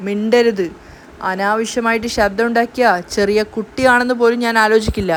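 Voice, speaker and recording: A menacing kidnapper, harsh and threatening in every line, read by a woman in her own fairly high voice. The delivery stays close to plain storytelling, with only a light push of anger. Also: fairly even intonation, fairly quick, slight background noise, close to an everyday voice. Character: menacing man kidnapping a young girl.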